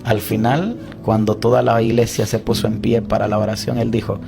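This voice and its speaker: A man's voice: on the low side, flat delivery, fairly quick, vocal fry. A young man preaching a confessional testimony in an earnest way, repeating phrases for emphasis. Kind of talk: emotional sermon testimony. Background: loud instrumental music.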